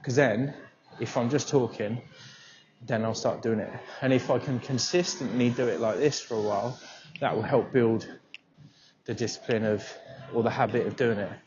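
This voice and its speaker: A man's voice: medium pitch, steady tone, moderate pace, darkish tone. Stuffy-nosed man rambling on a walk. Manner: sweary, self-deprecating, rambling. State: stuffy nose from a cold. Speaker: podcast host. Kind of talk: casual rambling monologue. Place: outdoors, walking in cold weather. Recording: muffled outdoor recording with faint noise.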